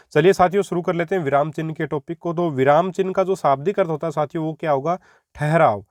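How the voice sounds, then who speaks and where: A man's voice: fairly high pitch, darkish tone, no room sound, clean studio sound. A young man teaching an exam-prep Hindi grammar lesson, explaining step by step and repeating key points for his students.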